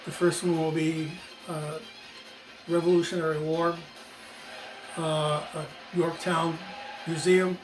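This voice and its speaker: Over music on a rough recording, an American man in his sixties, a former teacher who hosts a video channel, speaks slowly with long pauses. His voice is a little high with little pitch movement, and he offers viewers an opinionated, emphatic explanation, repeating phrases for stress.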